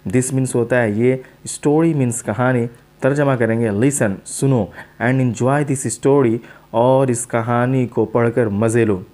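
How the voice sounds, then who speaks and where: Male language teacher, unhurried, middle pitch, patient repetitive delivery. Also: dark tone. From South Asia. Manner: slow, repetitive, explains each word in turn. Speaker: English teacher. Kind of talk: teaching English to Hindi speakers.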